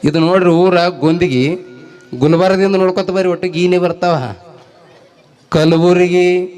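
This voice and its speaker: Male folk comedian, North Karnataka Kannada accent, high voice, lively rhyming storyteller. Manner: talks straight to a laughing audience. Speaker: stage comedian. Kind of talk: folk stand-up comedy with rhymes and anecdotes.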